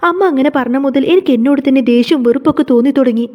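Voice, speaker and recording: A woman voicing a gentle, hurt young wife who pleads, in a fast retelling of a TV serial. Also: high-pitched, dull audio, natural voice. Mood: pleading. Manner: pleading, tearful.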